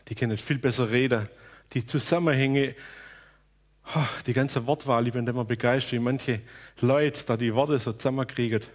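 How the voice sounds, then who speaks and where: A man preaching a sermon, speaking earnestly and personally about his own experiences. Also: medium pitch.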